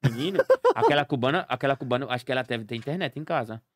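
A man, a clown and party entertainer, telling animated stories as a podcast guest and acting out the dialogue. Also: mid-range voice, fast talker, no room sound. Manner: animated storyteller acting out dialogue, laughing often.

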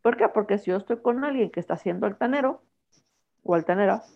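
Lively woman telling stories. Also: medium pitch, a little fast, vocal fry, lo-fi sound. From Guatemala. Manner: animated storyteller who acts out dialogue. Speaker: podcast co-host. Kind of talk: casual chat.

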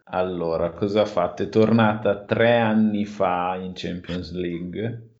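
A man's voice: lowish voice, warm tone, highs cut off. A man hosting a podcast with casual football chat, thinking aloud in a hesitant, rambling way. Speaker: podcast host.

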